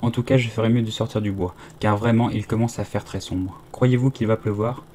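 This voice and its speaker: A man's voice: fairly low pitch, fairly even intonation, fairly quick, slight background noise. A man reading a children's storybook aloud, lifting his voice for the quoted lines. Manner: reads dialogue with raised, louder quotes. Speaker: audiobook reader. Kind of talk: storybook narration.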